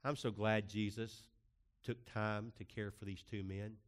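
A man's voice: on the low side, unhurried. Man preaching an emphatic sermon. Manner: emphatic preaching with rhetorical questions, lively swings in pace. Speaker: pastor.

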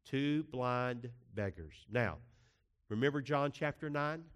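A man's voice: medium pitch, expressive, slow, smooth. A man preaching a sermon as a pastor, emphatic, with rhetorical questions and swings in pace.

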